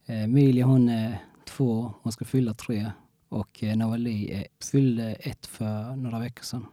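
A young man telling his own story in a casual interview, halting often and restarting with many fillers. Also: mid-range voice, fairly even intonation, dark tone, no room sound, studio quality.

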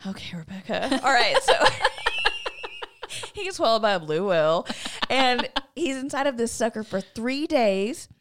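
A woman's voice: fairly high pitch, a little slow, slight background noise. A woman in her thirties co-hosting a podcast, chatting casually and acting out story characters with voices. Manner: animated, laughing, acts out quotes in a gruff voice. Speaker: podcast co-host. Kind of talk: casual chat retelling a Bible story.

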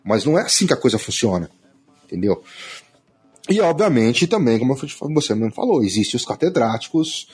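A man's voice: mid-range voice, big pitch swings, fairly quick, darkish tone, breathy edge, faint music behind. A Brazilian man, a guest on a podcast interview, talking casually and emphatically and swearing when he gets annoyed. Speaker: podcast guest, umbanda practitioner.

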